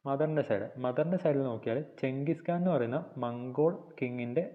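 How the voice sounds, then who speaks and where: Malayali man teaching over a tinny line. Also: mid-range voice. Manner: repeats points and quizzes the viewer; reads English lines slowly and deliberately. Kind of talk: textbook lesson explanation. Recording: phone-like narrow band audio.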